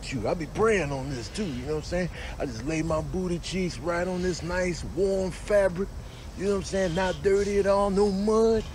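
A man's voice: sits high, moderate pace, background noise, lightly acted. A comedian voicing a boastful male zoo gorilla who brags in streetwise slang. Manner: bragging, streetwise, repeats "man".

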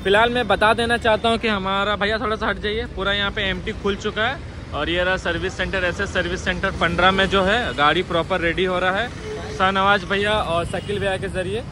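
A young man, chatting excitably as he vlogs his motorbike ride and a roadside bike workshop, dropping English words in. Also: high voice, a little fast. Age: young adult. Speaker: motovlogger. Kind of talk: casual vlog commentary while riding. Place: city streets and roadside bike workshop, outdoors. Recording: faint street and traffic noise.

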